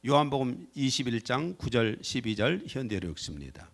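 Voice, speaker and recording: A man's voice: moderate pace, creaky. A man preaching a Sunday sermon as pastor, talking animatedly and acting out quoted lines. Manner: animated, acts out quoted lines with shifts in pitch and loudness. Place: church sanctuary.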